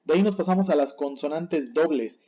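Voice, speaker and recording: Man, language teacher, patient, slow repeated examples, checks in often, mellow tone, muffled lo-fi sound. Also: on the high side. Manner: patient, repeats each word slowly to contrast right and wrong. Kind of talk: explaining Japanese pronunciation on screen.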